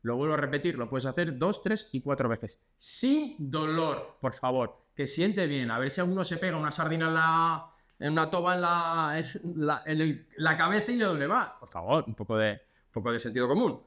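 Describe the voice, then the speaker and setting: This man, a physiotherapist from Spain with a Spanish accent, demonstrates exercises in a chatty, instructive way, counting repetitions aloud. His voice is fairly high, expressive, pushed and bright, at a moderate pace.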